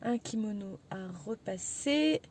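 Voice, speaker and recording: Very mellow Frenchwoman chatting casually. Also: medium pitch, animated, slow pace, slight background noise. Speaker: vlogger. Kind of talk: casual chatty vlog about daily chores.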